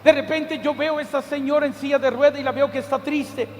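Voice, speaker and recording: A man preaching a sermon with fervor, often pausing to address the listener fondly. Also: very high-pitched, level tone, a little hiss or hum. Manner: fervent, repeats a fond address to the listener. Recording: long hall reverb.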